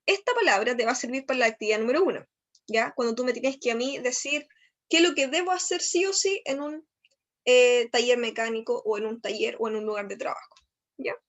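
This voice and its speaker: Chilean woman, English teacher, high voice, keeps asking "¿ya?" as she explains, slows down on the English examples. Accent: Chilean Spanish. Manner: explanatory, frequent "¿ya?" checks. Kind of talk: recorded online lesson.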